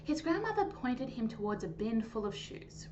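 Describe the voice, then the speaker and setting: A lively woman with a high voice reads a story aloud to children as a storytime host, phrasing clearly and animatedly at a moderate pace. The recording sounds dull and lo-fi with faint noise.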